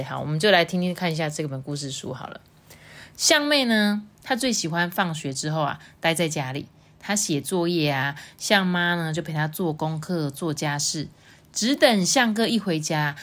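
A woman with a Taiwanese Mandarin accent reading a picture book to children, chatty and expressive. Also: low-pitched. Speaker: storybook reader host.

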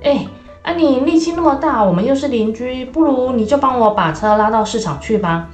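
Woman voicing a shrill, stingy donkey aunt. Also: lively intonation, a little fast. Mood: wheedling. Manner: shrill, scolding, demanding. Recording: echoey room with faint music.

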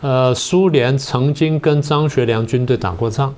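An older man, a political science professor and guest on a talk show, explaining history in a slow, methodical way. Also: medium pitch, darkish tone. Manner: methodical, explains step by step with many pauses.

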